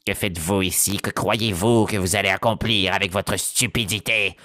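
A man's voice: lowish voice, fairly even intonation, moderate pace, bright, forceful tone, no room sound, clean studio sound. A man voicing a nasal, pushy male adventurer who hurls scornful insults. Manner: pressing and scornful.

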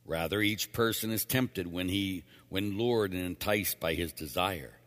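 Low-voiced priest in a reverberant church. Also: male voice, unhurried, a bit bright. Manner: plain-spoken, emphatic, casual asides. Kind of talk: scripture reading and homily.

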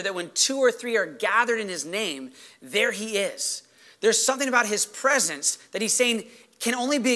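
A man preaching as a pastor in a conversational, emphatic way, his voice hoarse and giving out. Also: high-pitched, bright, forceful tone. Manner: conversational, emphatic, checks in with "right?". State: hoarse, losing his voice after yelling. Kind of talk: sermon to a congregation.

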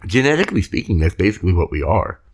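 A man's voice: sits low, sing-song, quick pace, husky. A young adult man co-hosting a podcast, trading teasing, laid-back banter. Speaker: podcast co-host. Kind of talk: casual chat.

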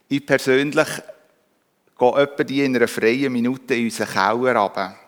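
A man with a Swiss German accent preaching a calm, reflective sermon in a church. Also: medium pitch. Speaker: pastor. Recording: reverberant church hall.

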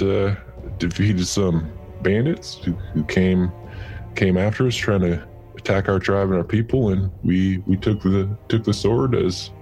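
A man's voice: low-pitched, warm tone. A man voicing a smug young male goliath rival who talks in a dismissive, self-satisfied way.

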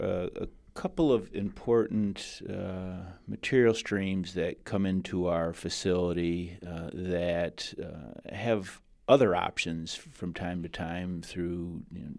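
A man being interviewed as a professional guest, explaining in measured, formal wording. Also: deep voice, vocal fry, darkish tone, dry recording, clean studio sound. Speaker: interview guest, general manager.

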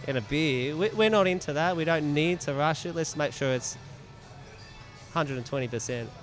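A mead maker chats casually as a podcast guest in a slightly high voice at normal speed, with faint music in the background. He explains his craft informally, repeating phrases for emphasis.

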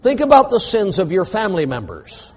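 A man preaching an emphatic sermon, repeating phrases and building to shouts. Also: high-pitched, huge pitch swings, a little fast. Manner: emphatic, rising to shouts, repetitive preaching cadence.

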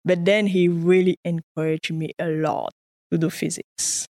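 Lowish and darkish, her voice stays unhurried with little pitch movement. She is an earnest guest research scientist from Cameroon, a first-language French speaker, giving conversational interview answers through heartfelt stories, sometimes laughing or repeating words.

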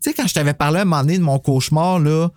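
A man with a Québécois accent hosting a podcast in casual, rambling, animated chat. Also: on the high side, racing, no room sound, studio quality. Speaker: podcast host.

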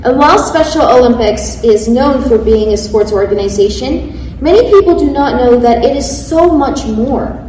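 A woman in her thirties, an athlete speaking on a panel in a large event hall, eagerly reads prepared remarks and laughs at herself when she stumbles. Her voice is on the high side, animated and a little mellow, at a normal speed. The distant mic picks up the hall's echo along with a bit of hiss or hum.

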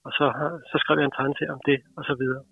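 A man's voice: a little high, flat delivery, vocal fry, slightly rough. A man, an author, talking casually and hesitantly about his writing, with many fillers. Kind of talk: casual interview answer. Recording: tinny, dry phone line.

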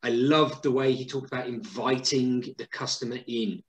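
A man's voice: mid-range voice, steady tone, normal speed. A man co-hosting a business podcast, chatting casually and upbeat with lots of tag questions. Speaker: podcast co-host. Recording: roomy echo.

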